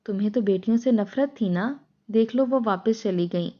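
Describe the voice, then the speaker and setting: A woman's voice: mid-range voice, lo-fi sound, lightly acted. A woman voicing a grieving mother driven mad by hunger and loss, in a tearful, pleading lament.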